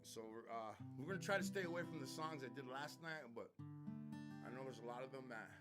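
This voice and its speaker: A singer-songwriter and storyteller talking shyly between songs on a live concert stage, a little out of breath, with halting words and many fillers. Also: male voice, medium pitch. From North Dakota reservation. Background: guitar music.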